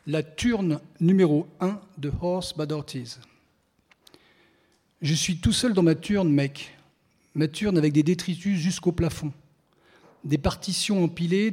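A man's voice: fairly high pitch, a little mellow. A man reading a slangy first-person literary text aloud with a rhythmic, repeating refrain. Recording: reverberant hall.

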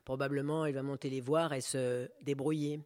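A man's voice: medium pitch, fairly even intonation, normal speed, darkish tone, lightly acted. A man voicing a pompous, self-satisfied male army supplier who gossips in a raised voice. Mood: smug.

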